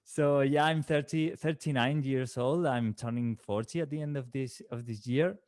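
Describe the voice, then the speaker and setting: Mid-range and a little mellow at normal speed, this guest calligrapher is a native Valencian speaker in his late thirties from Valencia, Spain. In a relaxed interview he frequently laughs and starts his words over.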